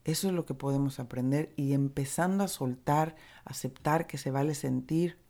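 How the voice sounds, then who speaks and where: A Mexican woman with a low voice shares a reflective motivational talk on recovery. Her tone is mellow and soft-edged. She speaks with candid, earthy directness, moving between gentle encouragement and casual profanity. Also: moderate pace.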